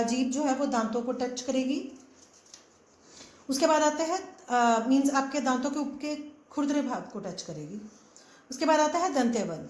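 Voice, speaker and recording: A woman's voice: high voice, a little mellow, reverberant. A woman teaching a grammar lesson, patiently sounding out letters one at a time and slipping English words into her explanations. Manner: mixes English words into Hindi. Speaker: Hindi teacher. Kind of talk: classroom-style grammar lesson.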